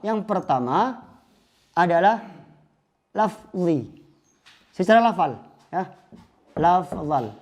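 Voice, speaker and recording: A male Islamic teacher explaining a lesson patiently, acting out short spoken examples. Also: sits high.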